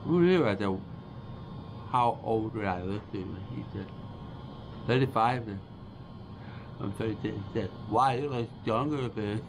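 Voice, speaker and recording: A deaf man in his forties vlogging to camera in slow, halting speech, restarting phrases as he talks. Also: on the low side, background noise. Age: 40s. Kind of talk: casual vlog talk to camera. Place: small dim room with a starry backdrop. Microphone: camera close in front of face.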